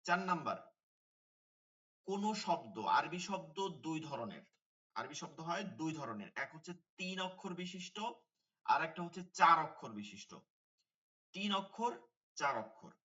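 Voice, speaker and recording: A man teaches an online Quran class in a bright, sharp voice pitched a little high. He repeats each term and quizzes his students as he goes. The sound is dull and comes from some distance from the mic. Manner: repeats key terms, asks students questions.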